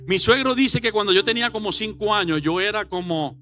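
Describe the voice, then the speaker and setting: A middle-aged man with a Venezuelan accent delivers a Sunday sermon in church, his voice high-pitched and bright. He tells stories with animated, acted-out quotes. Faint music sits behind him. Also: brisk, no room sound. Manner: animated storytelling, acts out shouted quotes. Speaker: pastor.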